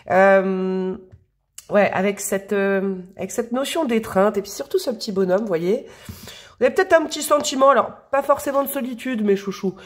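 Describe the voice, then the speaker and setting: A woman's voice: medium pitch, darkish tone. A woman giving a casual tarot reading to camera. She is chatty and affectionate, fills her talk with asides and fillers, and sounds a little sniffly from allergies. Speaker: tarot reader.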